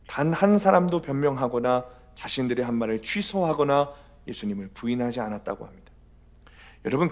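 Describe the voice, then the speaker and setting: A male pastor preaching a Sunday sermon in a church. His delivery is dramatic, rising to loud declarations and dropping to quiet, near-whispered lines. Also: medium pitch. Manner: dramatic storytelling, shifts between loud and soft. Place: church sanctuary.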